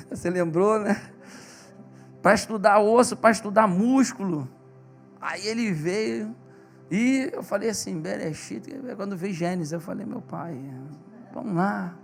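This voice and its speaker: A man's voice: high-pitched, normal speed, faint music behind. A male pastor with a Brazilian Portuguese accent preaching in church, telling stories with animation and emphasis. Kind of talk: sermon.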